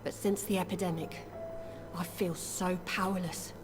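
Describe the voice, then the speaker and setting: An actress voicing an earnest young nurse, idealistic but worn down, in game dialogue. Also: female voice, on the low side, fairly even intonation, moderate pace, lightly acted. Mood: wistful. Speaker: nurse character. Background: game music.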